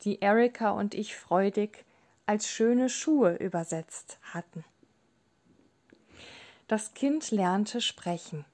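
A woman reading a novel aloud in calm, measured scripted narration. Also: mid-range voice. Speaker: audiobook narrator.

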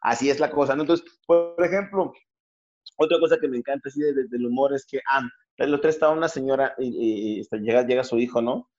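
A man's voice: medium pitch, fast, muffled recording, music in the background. A middle-aged Mexican man telling jokes in a casual, rambling way, repeating words and using playful slang.

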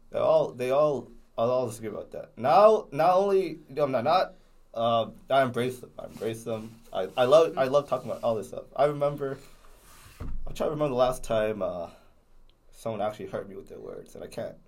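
A man's voice: medium pitch, lively intonation, fairly quick, darkish tone. A young man with a slight lisp, chatting casually as a podcast co-host, rambling with many restarts and fillers. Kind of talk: casual chat.

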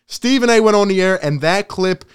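A man with a high, clear voice rants gleefully about sports. He gloats, laughs often and swings between loud jabs and quieter asides. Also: expressive, normal speed. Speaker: sports vlogger. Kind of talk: casual sports rant.

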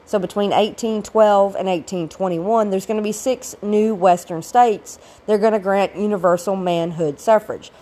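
A woman with a gravelly voice, getting over a cold, giving an informal recorded history lecture as a teacher with explanatory asides. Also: mid-range voice, steady tone, moderate pace, hardly any pauses, dark tone.

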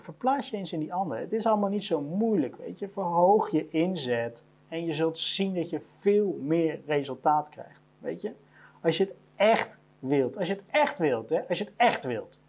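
A speaker delivers a motivational monologue with a blunt, no-nonsense edge. The same short phrases come back again and again, stacked up to drive each point home. The voice sits at a middle pitch and talks as a business owner addressing employees. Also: husky. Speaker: business owner giving career advice.

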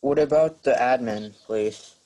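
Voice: medium pitch, a little slow, dark tone, rough recording. A player in a tabletop role-playing game chatting casually in a joking, wisecracking way. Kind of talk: casual chat.

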